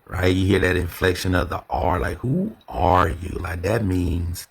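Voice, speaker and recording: Low gravelly man, slow rambling podcast talk. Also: little pitch movement. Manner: rambling, conversational, lots of fillers and repeated words. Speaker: podcast host. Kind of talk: casual solo podcast monologue.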